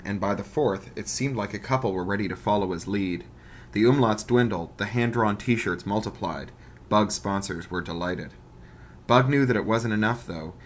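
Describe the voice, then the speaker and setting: A man reads an audiobook story aloud in a measured, wry way. His voice sits on the low side for a man. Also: a bit bright, a little hiss or hum. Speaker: narrator. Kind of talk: audiobook narration.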